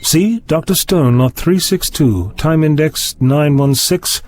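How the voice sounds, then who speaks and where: In an audio drama, the lead actor plays an eccentric, curious time-travelling doctor, speaking slowly in a slightly high, somewhat mellow voice. His delivery is musing and theatrical, polite yet dismissive, with an intent, investigative mood.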